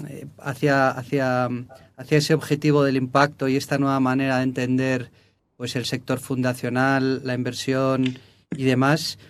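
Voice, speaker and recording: A man's voice: medium pitch, clean tone. A man with a Spain Spanish accent moderating a panel informally, rewording his questions as he goes. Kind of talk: unscripted moderating.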